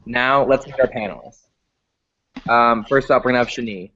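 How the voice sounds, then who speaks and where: A man's voice: medium pitch, normal speed, sharp tone. A teenage boy hosting an online video call, reading his prompts with fillers. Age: teens. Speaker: host. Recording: dull lo-fi call audio.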